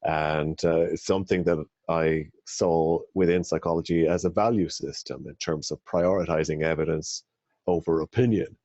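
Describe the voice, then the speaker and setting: Deep-voiced Irish man, thoughtful. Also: steady tone, darkish tone, no echo, lo-fi sound. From rural Ireland. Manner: measured, thoughtful, with frequent ums and restarts. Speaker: psychology academic guest. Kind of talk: interview answers.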